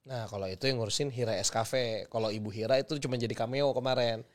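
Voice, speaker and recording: A man's voice: medium pitch, fairly even intonation, quick pace. A man hosting a podcast, asking playful, teasing questions in casual chat. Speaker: podcast host.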